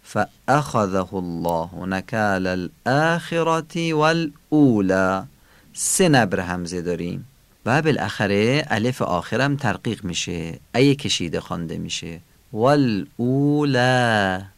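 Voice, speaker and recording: A man with a gravelly, creaky voice gives a calm Quran recitation lesson. He explains how each sound should be pronounced, then says the example words slowly and drawn out. His voice sounds close and dry. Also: deep voice, no room sound.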